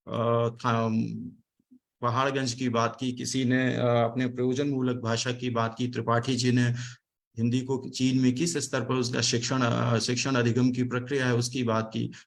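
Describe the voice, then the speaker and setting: A man from Delhi giving a formal academic talk and thanks on a video call, explaining word meanings with hesitant fillers. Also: medium pitch. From Delhi, India. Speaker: speaker giving vote of thanks at online event.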